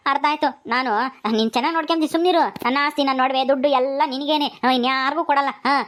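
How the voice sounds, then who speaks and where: A woman's voice: sits high, steady tone, rapid-fire, fairly bright tone. A woman voicing a fond elderly village husband who jokes and soothes his wife. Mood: soothing. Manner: soothing, coaxing, rustic village speech.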